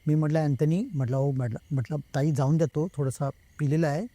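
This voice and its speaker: A man's voice: a little high, fairly even intonation, fast talker, warm tone, no echo. A man casually telling a true spooky story as a guest, acting out what others said himself and slipping between two languages. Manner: retells the talk of others himself, slipping between Marathi and Hindi.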